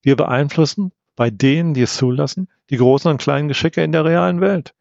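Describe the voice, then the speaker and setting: A man reading an audiobook, voicing a gruff, grumbling male detective who lectures solemnly. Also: fairly high pitch, a little fast, darkish tone, no echo. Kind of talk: audiobook character voice. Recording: dull, slightly lo-fi.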